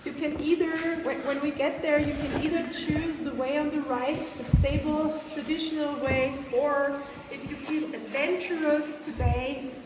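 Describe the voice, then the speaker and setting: High-voiced woman guide in echoing cave. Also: fairly even intonation, normal speed. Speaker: tour guide. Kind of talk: explanatory guided-tour talk. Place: inside a large ice cave. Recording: echoey cave, distant mic, noisy.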